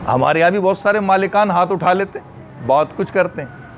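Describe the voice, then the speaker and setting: A man's voice: sits high, fairly quick, a little hiss or hum. A man with a Pakistani Urdu accent preaching a religious sermon, emphatic, repeating phrases and asking rhetorical questions. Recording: dull lo-fi recording.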